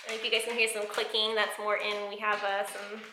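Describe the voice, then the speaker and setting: An American woman giving a casual, rambling vlog update in an informal, chatty way, recorded in an echoey room with high ceilings. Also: flat delivery, brisk, noisy background. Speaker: sewing vlogger. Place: indoors in new home, bare high-ceilinged room.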